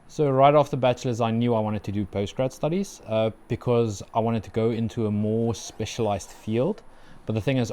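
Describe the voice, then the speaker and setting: A young South African PhD candidate, whose first language is Afrikaans, answers interview questions about his doctoral studies earnestly and with measured care, using frequent fillers. His accented voice sits on the low side and has a dark tone.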